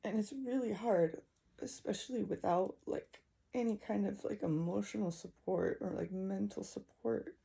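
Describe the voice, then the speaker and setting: Young woman, upset vent, halting, husky voice, dark tone. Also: medium pitch. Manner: upset, halting, repeating herself. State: distressed. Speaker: vlogger. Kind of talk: emotional personal vent.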